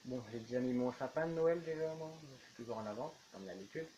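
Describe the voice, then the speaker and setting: Man YouTuber, mid-pitched, rambling game commentary, lo-fi home mic with a faint hum. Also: animated, quick pace, dark tone. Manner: rambling, talking while building in a game. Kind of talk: casual gameplay commentary.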